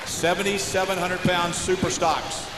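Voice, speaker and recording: An American man working as a tractor pull announcer, introducing competitors live with showy, drawn-out names. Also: high voice, little pitch movement, over music. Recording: noisy, echoing arena PA with long reverb.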